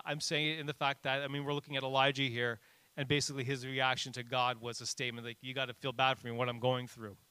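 Bright, animated male preacher. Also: on the high side, clear, resonant tone, dry recording. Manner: animated, rises sharply for emphasis; conversational with frequent fillers. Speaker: pastor. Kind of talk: sermon.

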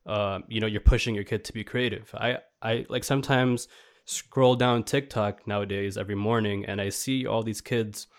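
Low-voiced young man musing aloud. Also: fairly even intonation, moderate pace. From New York, USA. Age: 20s. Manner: rambling, reflective, frequent "like" fillers. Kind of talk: casual chat.

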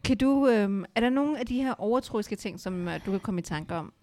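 A woman's voice: medium pitch, animated, warm tone. A young woman hosting a casual podcast chat with her mother, asking questions and laughing easily. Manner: laughing, asks questions, mixes languages. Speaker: podcast host.

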